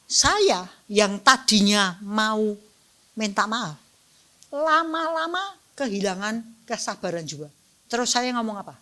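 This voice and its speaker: A middle-aged woman giving a lively, playful dharma talk, acting out scenes and speaking with a group. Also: medium pitch, measured pace, slight background noise. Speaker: dharma teacher.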